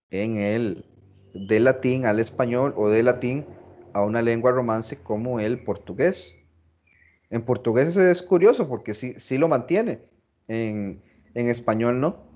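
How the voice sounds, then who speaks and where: A man teaching a philology class, explaining slowly, repeating phrases and stressing example words. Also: mid-range voice, expressive, a little mellow, dull audio. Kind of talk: recorded class lecture.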